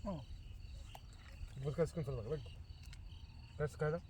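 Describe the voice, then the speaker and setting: A man's voice: on the high side, normal speed, warm tone. A young Algerian man chatting casually with friends outdoors at a campsite. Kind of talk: casual chat among friends. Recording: noisy outdoor camping recording.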